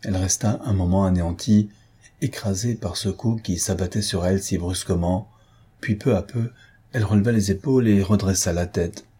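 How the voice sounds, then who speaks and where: Low, husky male audiobook narrator. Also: steady tone, normal speed, dark tone. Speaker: audiobook reader. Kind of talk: scripted narration of a classic novel.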